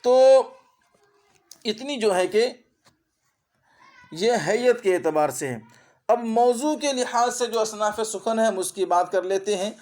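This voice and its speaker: A man teaching an exam-prep Urdu grammar lesson with an Urdu accent as spoken in India, repeating terms and asking his students quick checking questions. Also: high voice, darkish tone.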